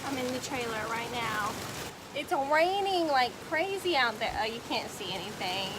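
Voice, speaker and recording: A woman's voice: fairly high pitch, animated, normal speed. A young woman barrel racer talking casually to the camera in a horse trailer, chatty and self-deprecating. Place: horse trailer during heavy rain. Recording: noisy, with rain and outdoor clatter.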